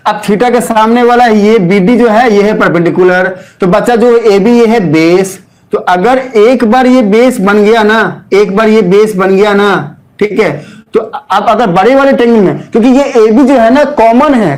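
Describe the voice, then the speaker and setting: A man with a high voice teaches math in a live online class. He explains each step patiently, repeats points, and counts aloud while waiting for student answers. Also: darkish tone.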